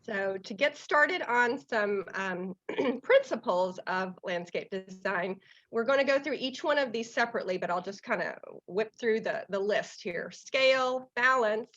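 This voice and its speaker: A woman's voice: mid-range voice, expressive, measured pace, fairly bright tone. Woman presenter, nasal with a cold, chatty and filler-heavy, muffled call audio. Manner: casual, many fillers. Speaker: master gardener presenter. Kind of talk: online presentation lecture. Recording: slightly dull, lo-fi audio.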